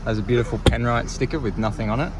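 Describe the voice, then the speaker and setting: A man's voice: mid-range voice, fast talker, noisy background. A young Australian man hosting a vlog, chatting casually and slangily to camera and joking with his friends. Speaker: vlog host.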